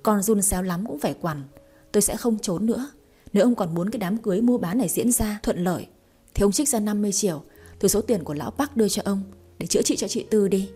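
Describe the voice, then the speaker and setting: A woman voicing a defiant younger sister in an audio story, accusing her father in a fast, fierce outpouring. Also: medium pitch, warm tone, husky, soft background music, lightly acted. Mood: defiant fury.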